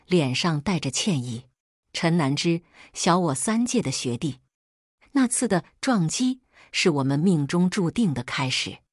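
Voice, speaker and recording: A woman narrates a first-person family drama in a scripted, dramatic reading. Her voice sits low but swings widely in pitch. The recording is dry and close. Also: no echo. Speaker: storyteller.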